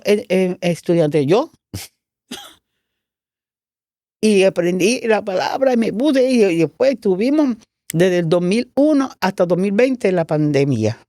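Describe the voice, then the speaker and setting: Mellow-voiced woman pastor telling her story. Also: lowish voice, no echo, clean studio sound. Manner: emotional storytelling, acts out quoted dialogue. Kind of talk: testimony in a church interview.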